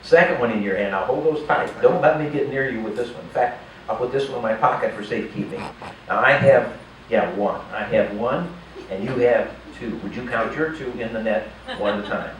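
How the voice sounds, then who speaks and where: This is live magic show patter from an older man performing on stage in a casino showroom, bantering playfully with audience volunteers. He talks a bit fast at a medium pitch, and the sound is distant, echoey, and noisy.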